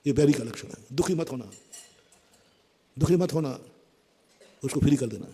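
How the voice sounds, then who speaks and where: A man giving a sermon as a spiritual guru. He urges listeners emphatically and repeats his points, moving between loud exhortation and soft pleading. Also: mid-range voice, normal speed, husky. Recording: long hall reverb.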